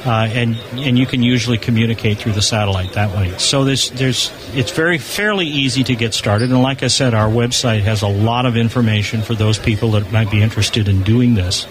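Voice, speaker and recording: A guest on a live radio show, this amateur satellite enthusiast talks briskly in a mid-range voice, barely pausing. He casually explains technical matters from a convention floor booth, with a busy crowd chattering all around.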